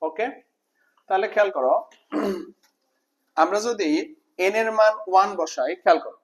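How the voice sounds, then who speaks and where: Male tutor, higher-pitched voice, informal lesson, repeats terms and checks understanding. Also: expressive, moderate pace. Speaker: chemistry tutor. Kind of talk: informal exam-prep lesson.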